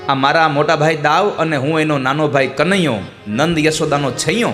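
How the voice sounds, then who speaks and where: A man tells a devotional folk tale with animated flair. His voice sits a little high and slips into the characters as he quotes them. Instrumental music plays clearly behind him. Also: normal speed. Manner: animated, acts out characters' lines. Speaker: storyteller.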